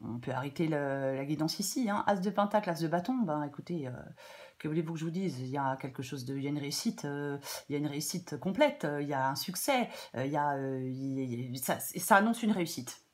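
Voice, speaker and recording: A woman with a cold-blocked nose gives casual, off-the-cuff tarot guidance in a halting, chatty way. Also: low-pitched, expressive. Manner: halting, self-interrupting, chatty asides. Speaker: tarot reader.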